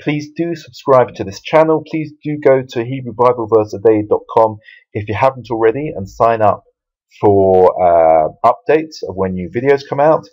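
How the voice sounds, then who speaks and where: A man's voice: mid-range voice, moderate pace, a little mellow, lo-fi sound. A man teaching Hebrew letters from a Bible verse in a video lesson, explaining patiently with fillers and restarts. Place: Jerusalem.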